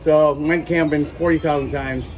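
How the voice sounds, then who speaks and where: A man's voice: a little high, fairly even intonation, moderate pace, poor audio. A man from Minnesota telling strange stories in casual chat, rambling and swearing freely. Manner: rambling, swears casually, drops into quoted voices.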